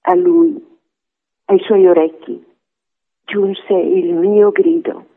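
A man reading a psalm aloud in a measured, reverent way on a radio program. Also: high-pitched, big pitch swings, gravelly. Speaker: co-host reading scripture. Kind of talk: slow solemn reading. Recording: phone-like radio broadcast.

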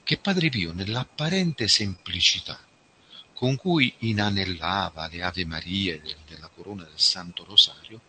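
A man giving a spiritual talk, reflective and slow, addressing his listeners as friends and reading them a testimony. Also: deep voice, expressive, pushed and bright, slight background noise. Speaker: religious speaker.

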